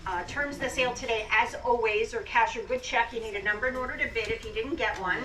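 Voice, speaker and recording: A woman's voice: a little high, fast, a crowd in the background. Distant, echoey woman auctioneer announcing rules. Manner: plain-spoken, instructive, businesslike. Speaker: estate auctioneer. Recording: distant, echoey, clearly noisy pickup.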